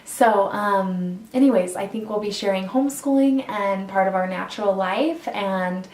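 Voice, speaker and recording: A woman's voice: mid-range voice, moderate pace, a little mellow. Earnest rambling woman in her thirties. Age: 30s. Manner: earnest, rambling, frequent ums and restarts. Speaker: vlogger. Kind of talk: casual chat to camera. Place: indoors in a borrowed home. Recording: roomy sound from a distant mic.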